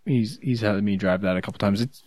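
A man's voice: lowish voice, brisk, a little mellow, no echo, clean studio sound. A man co-hosting a car podcast, talking casually in an agreeable, conversational way. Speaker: podcast co-host. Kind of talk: casual car review chat.

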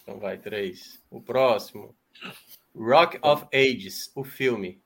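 A man's voice: mid-range voice, slow, gravelly, fairly bright tone, breathy edge. Podcast host reading out the list, man. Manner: moves the list along, reads out titles. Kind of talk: casual chat.

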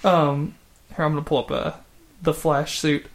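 A man's voice: fairly high pitch, little pitch movement, normal speed, vocal fry. A man hosting a podcast, talking casually with friends about films and TV shows. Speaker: podcast host.

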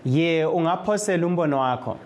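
A man's voice: a little high, a little mellow, slight background noise. Hesitant Zimbabwean male talk host. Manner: hesitant, many long filled pauses. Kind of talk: moderating a live call-in discussion.

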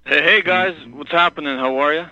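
A man calling in to a talk radio show over the phone, rambling and halting as he searches for words. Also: on the high side, sharp tone, no room sound. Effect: heard over the phone. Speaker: caller. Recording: dull phone-line sound.

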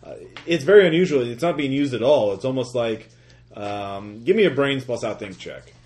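A man narrating as game master of a tabletop role-playing game, talking in a halting way with many fillers and restarts. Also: mid-range voice, expressive, darkish tone, a little hiss or hum.

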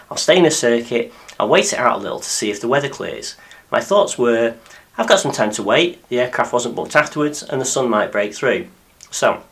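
A man with a deep, croaky voice, hoarse from illness, presenting a scripted podcast narration as a pilot and host. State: croaky after a week of flu-like illness.

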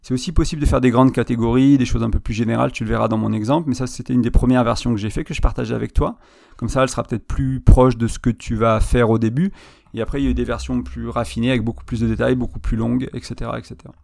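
A man's voice: medium pitch, steady tone, very fast, gravelly, a little mellow. A man hosting a podcast, giving an informal advice monologue that speaks straight to the listener and explains things step by step. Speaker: podcast host.

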